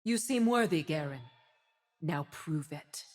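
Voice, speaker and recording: In dramatic video game voice acting, a woman plays a proud, righteous winged warrior and judge, her delivery solemn, commanding and haughty, full of stern judgment. Her voice sits low and is expressive, measured in pace and darkish in tone.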